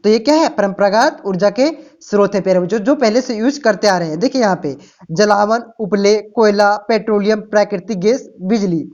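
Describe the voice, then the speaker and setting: A woman's voice: medium pitch, a little fast, darkish tone. A woman teaching an exam-prep lesson to students, often asking a question and then answering it herself. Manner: explains with rhetorical questions, repeats "ठीक ना" and "प्यारे बच्चों". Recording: dull lo-fi recording.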